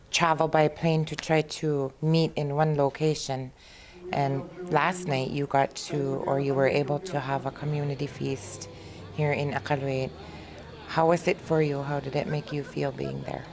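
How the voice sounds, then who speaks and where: A woman's voice: low-pitched, darkish tone. A woman interviewing a guest in a conversational broadcast style.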